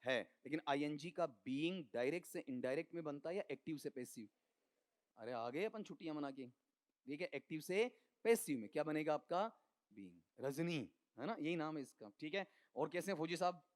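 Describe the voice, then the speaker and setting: A man teaching English grammar for an exam, coaxing students with quick questions in Hindi and English. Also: on the high side, expressive. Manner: mixes Hindi with English terms. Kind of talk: exam-prep lesson.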